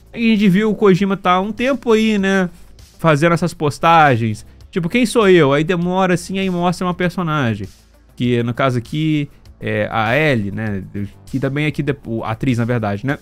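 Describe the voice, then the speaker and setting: A Brazilian man giving casual, slangy gaming news commentary, often checking in with short tag questions. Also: fairly high pitch. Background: background music.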